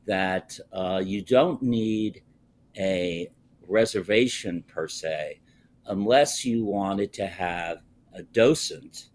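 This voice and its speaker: An older man speaking as a guest on a live TV interview over a video call from a wood-panelled office, measured and pausing often with "uh". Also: sits low. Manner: slow, measured, frequent "uh" pauses. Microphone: video call, webcam close up.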